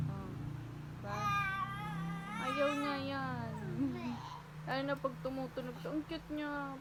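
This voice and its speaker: Woman, casual home vlog, high-pitched, noisy room. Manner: playful baby talk with her toddler. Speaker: vlogger mother. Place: home with tiled floors.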